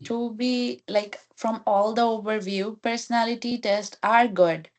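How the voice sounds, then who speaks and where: A woman's voice: on the high side, steady tone, measured pace. A woman giving her view in a casual group discussion, hesitant and full of fillers. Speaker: student in a study group.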